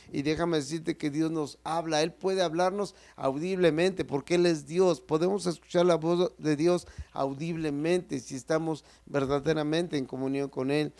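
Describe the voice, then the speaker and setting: Earnest Mexican preacher with gravelly voice. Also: male voice, a little high, a little mellow. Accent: Mexican Spanish. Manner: earnest, emphatic preaching with repeated phrases and direct address. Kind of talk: sermon.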